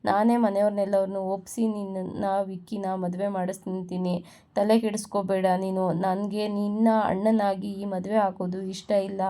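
A stern, protective older brother, read by a woman recapping a serial. He speaks in a firm, scolding way, the voice gravelly and mellow with a low edge of fry. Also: close to an everyday voice.

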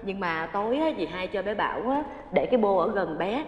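An actress playing a soft-spoken young mother who is polite and coos to her baby. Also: medium pitch, lively intonation, brisk, dull audio, close to an everyday voice. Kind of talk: TV drama acting. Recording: roomy reverb with music behind.

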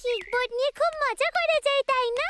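A performer voicing a playful, easily excited little schoolgirl in a cartoon dub, with loud children's music behind. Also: extremely high pitch, quick pace, a little hiss or hum. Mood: cheerful.

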